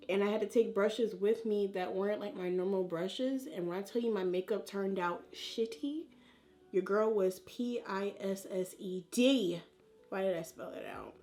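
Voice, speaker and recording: A woman's voice: mid-range voice, normal speed, warm tone, faint music behind. A woman chatting informally and slangily to her viewers as she applies her makeup, in the style of a beauty vlog tutorial. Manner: informal and slangy, talking to viewers like friends while applying makeup. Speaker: beauty vlogger.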